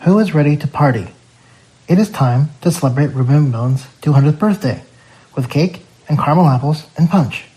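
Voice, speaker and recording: A woman's voice: sits low, lively intonation, fairly quick, warm tone, pitched below the performer's own voice, low-quality recording. A woman voicing a cheerful man announcing a birthday party into a microphone. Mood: cheery. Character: cheerful male party host at a library celebration.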